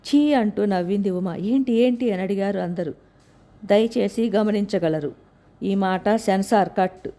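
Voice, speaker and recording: A woman's voice: fairly low pitch, warm tone. A woman narrating a serialized family story and reading all the characters' lines in her own voice with only small changes. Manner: reads every character's lines in her own voice, lightly varied.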